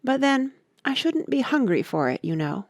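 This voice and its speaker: A woman's voice: high voice, sing-song, normal speed, dry recording, clean studio sound, voice pushed up. A woman voicing a polite, curious and earnest young girl in a storybook, with a questioning manner. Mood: thoughtful.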